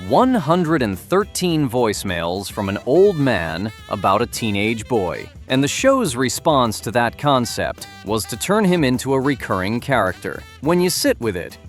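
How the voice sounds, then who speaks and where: A man delivering scripted video essay narration in a wry, emphatic way. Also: mid-range voice.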